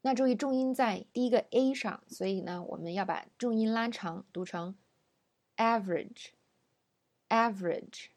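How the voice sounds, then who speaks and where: A young adult woman teaching English pronunciation in a recorded audio lesson, slowing down sharply to model each word. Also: on the high side, a little mellow. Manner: slows right down to model English words.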